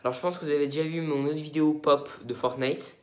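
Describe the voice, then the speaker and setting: A man's voice: a little high, steady tone, quick pace, roomy sound. A young man with a French accent chatting casually while showing his toy collection in an upbeat vlog. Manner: chatty, upbeat, many fillers and asides.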